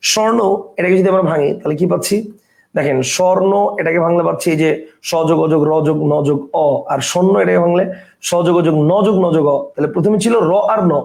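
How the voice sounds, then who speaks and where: High gravelly male teacher, echoey room. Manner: explains step by step, often checks understanding. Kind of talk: online grammar lesson.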